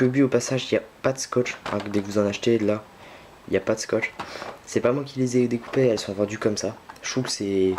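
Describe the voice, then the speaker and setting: Low-voiced young man unboxing figurines. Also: noisy background. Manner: hesitant, many fillers and restarts. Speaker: unboxing vlogger. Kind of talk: casual unboxing commentary. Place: at home.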